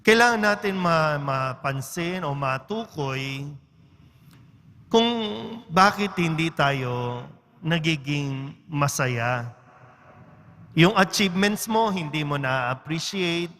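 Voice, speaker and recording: A male priest reading the gospel and giving a homily in a large church, measured and conversational, often adding little tag questions. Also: on the high side, animated, bright, forceful tone, slight background noise. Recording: reverberant church with faint music.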